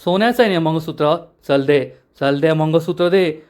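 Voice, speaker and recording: A man voicing a huge, greedy woman prisoner who bullies and demands things gruffly. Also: a little high, moderate pace, darkish tone, close to an everyday voice. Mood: bossy.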